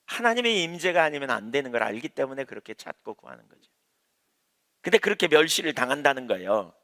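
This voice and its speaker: During an evening prayer service, a male pastor preaches at a quick pace with big pitch swings around a medium level, his voice pushed and bright. He hammers home repeated phrases and asks rhetorical questions, and the church hall echoes.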